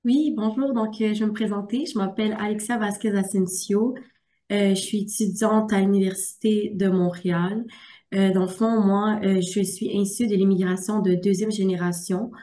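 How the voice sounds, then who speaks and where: A young woman with a Québécois French accent gives a personal testimony as a webinar guest. Her delivery is halting and full of fillers, with a flat melody and a dark, mellow tone. She speaks from her workplace at a school. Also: medium pitch. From Quebec. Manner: halting, many filler sounds. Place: primary school workplace, some noise.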